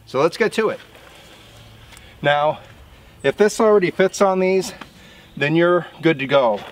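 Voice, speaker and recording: A man's voice: on the high side, expressive, a little slow. A man in his thirties, a sawmill operator, casually explaining his work in an outdoor how-to vlog, recorded on a camera mic in a field. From southern Indiana.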